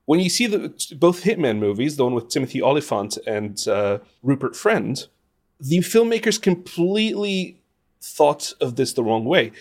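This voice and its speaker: This interview guest, who composes video game music and presents radio, answers with considered opinions in an emphatic, conversational way. He sounds very animated, with medium pitch and normal pace.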